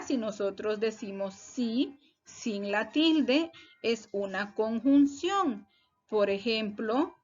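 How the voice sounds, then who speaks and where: Lady teacher going slow through spelling rules, kinda high voice, dull lo-fi sound w faint music. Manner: slow, careful teacherly delivery with examples. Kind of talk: recorded spelling lesson for students.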